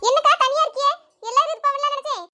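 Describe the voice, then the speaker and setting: A woman's voice: very high-pitched, steady tone, very fast, pushed and bright, slight background noise. A woman voicing a sly older neighbor woman in a cartoon comedy, grumbling and scheming her way out of eating a snack. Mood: evasive.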